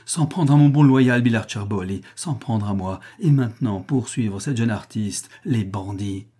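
A man reading the part of an indignant gentleman chevalier, given to outraged exclamations. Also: lowish voice, measured pace, breathy edge.

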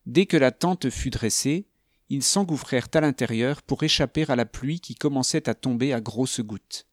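A man narrating an audiobook with a calm, even reading manner. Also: medium pitch, moderate pace, no echo, clean studio sound.

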